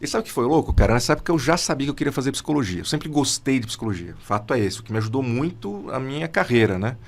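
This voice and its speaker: On a podcast interview, a fifty-something Brazilian psychologist talks in rapid-fire bursts, expressive and medium-pitched. His Brazilian Portuguese accent and slang such as "cara" give the casual, animated chat its flavor.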